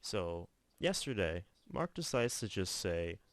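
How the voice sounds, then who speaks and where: A man co-hosting a relaxed podcast, his voice sitting on the low side. He trades deadpan jokes and teasing remarks in a casual, chatty way, recorded close and dry with no room sound. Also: slow, no room sound. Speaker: podcast co-host.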